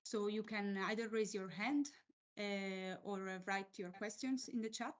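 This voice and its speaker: A woman's voice: mid-range voice, measured pace. Polite woman moderating a webinar. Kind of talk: moderating a question session.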